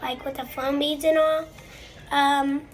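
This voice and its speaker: Her voice sits high and barely moves in pitch as this slow-talking young girl, stuffed-up and unwell, crafts at home and rambles casually to viewers for her slime video, sounding a bit apologetic. The recording is amateur, noisy, and full of clicks.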